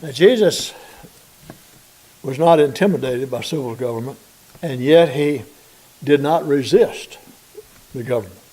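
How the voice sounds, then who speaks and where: An American man preaching a sermon, reading scripture aloud and slowing down deliberately to stress key points. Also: mid-range voice, dark tone, low-quality recording. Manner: deliberate, slows for emphasis, reads scripture aloud.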